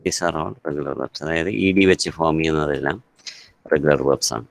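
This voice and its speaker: A man's voice: very deep voice, moderate pace, creaky. A man with a Malayali accent teaching English grammar in an online class, switching between Malayalam and English and calling on students by name.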